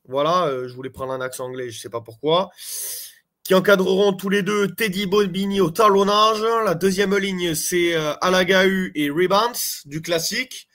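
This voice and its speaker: Un homme originaire des Landes parle à ses abonnés de façon décontractée, d'une voix plutôt aiguë. Il hésite souvent, multiplie les « euh » et interpelle son public d'un ton familier. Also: male voice, sits high, normal speed, fairly bright tone. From Landes, France. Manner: chatty, hesitant, many fillers, addresses viewers as "les gars". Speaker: rugby fan vlogger. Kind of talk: casual fan commentary to camera.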